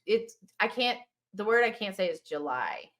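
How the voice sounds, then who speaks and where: Chatty, playful middle-aged American woman host; animated pitch, easy laughs. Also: moderate pace. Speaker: podcast host. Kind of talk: casual chat.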